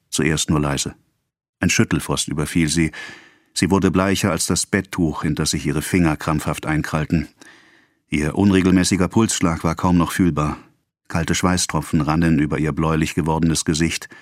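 A man reading a classic novel aloud as an audiobook narrator, in a measured, even storytelling manner. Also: deep voice, dry recording, clean studio sound.

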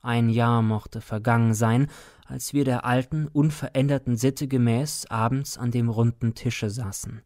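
A man reading a classic tale aloud in a measured, solemn and dramatic manner. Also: mid-range voice, fairly even intonation, darkish tone, dry recording, clean studio sound. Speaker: audiobook reader. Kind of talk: scripted narration of a classic tale.

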